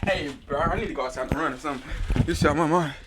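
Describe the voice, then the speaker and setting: High-pitched young man burning from spicy food. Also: rapid-fire. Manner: slangy, profane. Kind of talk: casual banter among friends. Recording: very noisy, distant from mic.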